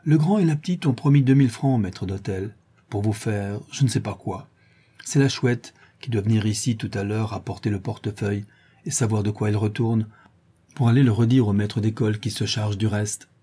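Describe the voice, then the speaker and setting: Man doing a rough Parisian brawler, slangy, rambling, loyal, husky tone. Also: on the low side, normal speed, mellow. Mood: confiding. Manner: street slang, rambling storytelling.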